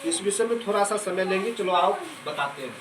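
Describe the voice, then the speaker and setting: A man teaching a class in a high, bright voice, checking often that the students follow. He sounds far from the mic in an echoey classroom, with faint background noise. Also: expressive. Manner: explains slowly with repeated questions to the class. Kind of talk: classroom lesson. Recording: echoey room, from a distance.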